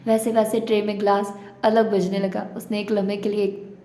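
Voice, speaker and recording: Female audiobook narrator, steady and even, mellow, echoey room. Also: mid-range voice, moderate pace.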